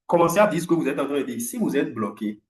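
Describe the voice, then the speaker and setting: Man in his 40s, animated and emphatic language teacher, slightly high voice, roomy echo. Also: fast talker. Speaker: English teacher. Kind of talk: lively storytelling lesson.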